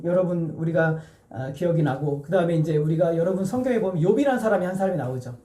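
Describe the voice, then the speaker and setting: A male pastor preaching a conversational sermon, asking the congregation questions and slowing down to read scripture with them. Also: high-pitched, mellow. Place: church sanctuary. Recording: echoey church hall, mic a bit distant.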